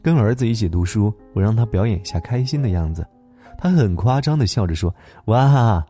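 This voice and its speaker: A man hosting a late-night story program, narrating a gentle tale in a calm, tender way. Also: lowish voice, fairly quick. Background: soft instrumental music.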